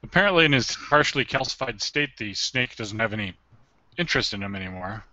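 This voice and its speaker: A man's voice: on the low side, expressive, fast, pushed and bright. A man playing a tabletop game in character, with a dry, wry way of talking. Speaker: player. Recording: muffled lo-fi recording.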